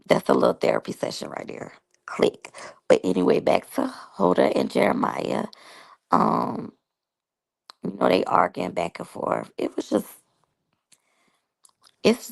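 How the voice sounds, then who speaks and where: A lowish, gravelly, husky voice belongs to a woman in her thirties who reviews a reality show and shares stories from her life, chatting openly with her viewers.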